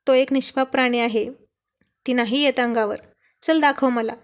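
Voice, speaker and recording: A woman voicing a playful young husband who calmly teases his wife in a light, joking tone. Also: on the high side, normal speed, clean tone, close to an everyday voice. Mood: teasing. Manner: light teasing tone.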